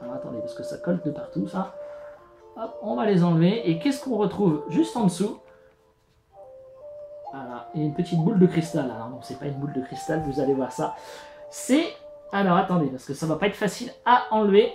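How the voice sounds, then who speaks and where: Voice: medium pitch, very animated, brisk. A YouTube host in a casual unboxing vlog, chatty and hesitant, with many fillers and restarts, narrating each step while handling the box. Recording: echoey room with faint music.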